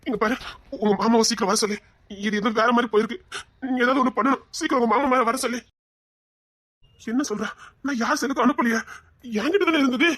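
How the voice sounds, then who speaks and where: A frantic young man, begging and wailing to be believed, speaking with a Tirunelveli Tamil accent , as a woman acts him out. The voice sits fairly high and the recording is dry and close. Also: fast talker, long pauses, fairly bright tone, no room sound. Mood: frantic pleading. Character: panicked young male boyfriend, pleading and guilt-ridden.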